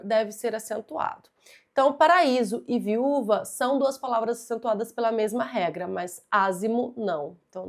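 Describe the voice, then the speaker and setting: A young adult woman teaching a grammar lesson, patient and methodical, stressing key words and speaking straight to the student. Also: a little high. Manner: talks directly to the student. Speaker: Portuguese teacher. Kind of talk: exam-prep grammar lesson.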